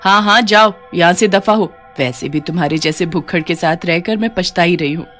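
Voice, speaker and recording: A woman voicing a sharp-tongued, scolding village wife in a cartoon story. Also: moderate pace, soft background music, natural voice. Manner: scolding, shrill.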